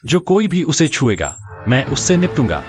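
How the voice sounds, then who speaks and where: A man's voice: medium pitch, very animated, normal speed, natural voice. A man dubbing a wealthy young male lead in a drama, cool, sarcastic and possessive. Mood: cold. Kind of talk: Hindi dubbed TV drama. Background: drama score music.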